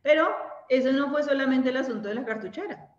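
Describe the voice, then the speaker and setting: A woman's voice: high voice, fast talker. A woman with a Colombian accent leading a women's Bible study, speaking conversationally and often checking in with her listeners. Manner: conversational, ends points with tag questions. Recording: echoey room, dull lo-fi sound.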